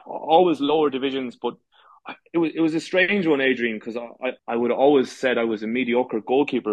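Guesting on a podcast, this amateur goalkeeper from Galway in the west of Ireland, in his 30s, talks casually with an Irish accent. His mid-range voice has a breathy edge, with no echo.

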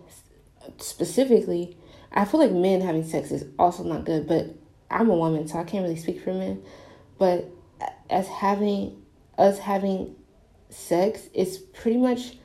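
A young woman with a fairly low, warm voice hosts her podcast from the bathtub of a small bathroom. Echoes color her earnest, meandering confession, told in a casual way.

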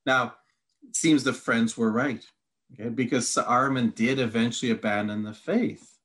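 A man speaks at a moderate pace in a medium, slightly bright voice with fairly even intonation. Hungarian is his native language, and as a Bible teacher in a teaching conversation he reads long quotes and methodically counts through his points.

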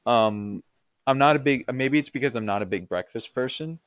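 A man's voice: medium pitch, clean tone, no echo. A man in a casual podcast chat who agrees readily and chimes in often. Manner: agreeable, quick to chime in with "yeah".

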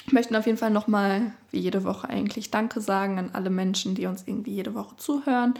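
Young woman podcaster, just chatting casually w her co-host, jokey, normal pitch. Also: steady tone, quick pace, vocal fry, darkish tone.

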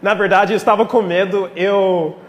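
High-voiced American preacher speaking accented Portuguese, echoey hall. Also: male voice, steady tone, moderate pace. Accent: American English accent in Portuguese. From Texas, United States. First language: English. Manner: heartfelt, emotional, playful asides. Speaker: guest preacher. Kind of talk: informal sermon to a congregation, with prayer. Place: speaking live in a church. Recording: echoey church hall, long reverb, faint noise.

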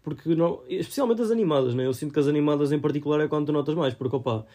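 A young adult man co-hosts a film discussion podcast, chatting casually in slangy speech peppered with English words. His voice is on the high side and dark in tone, and he talks very fast.

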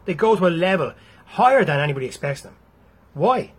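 A man's voice: on the high side, big pitch swings, fairly quick, husky. A man with an Irish accent giving a blunt, freely swearing motivational talk to his viewers. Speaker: motivational speaker.

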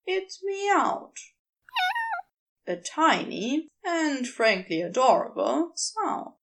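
A woman reads a scripted piece of fiction aloud in a fairly high voice that is highly expressive. She takes her time, and a distinct creak runs through her delivery.

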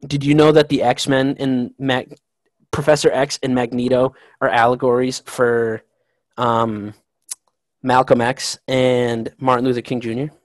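Excitable man rambling about comics, dry sound. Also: medium pitch, unhurried, no echo, rough recording. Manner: rambling, excitable fan talk with many restarts. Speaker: podcast co-host. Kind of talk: casual chat.

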